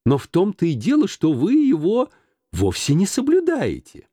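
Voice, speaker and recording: A man's voice: high-pitched, wildly swooping pitch, moderate pace, dark tone, slightly rough, no echo, pitched above the performer's own voice, heavily acted. A man voicing a cheerful, earnest young man who pleads eagerly with his uncle, in a dry audiobook reading.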